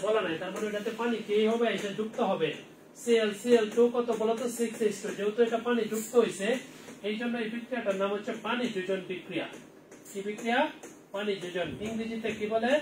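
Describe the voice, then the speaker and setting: Fast, high-voiced teacher quizzing himself. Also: male voice, slight background noise. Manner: quizzing students and answering his own questions. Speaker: chemistry teacher. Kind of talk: online exam-prep class. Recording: roomy, distant mic with faint ambience.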